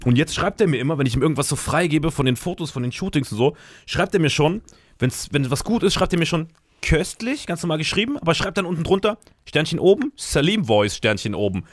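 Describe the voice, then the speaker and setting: A man bantering casually as a podcast co-host, quick and teasing, playing with how words are stressed. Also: fairly high pitch, lively intonation, no room sound, studio quality.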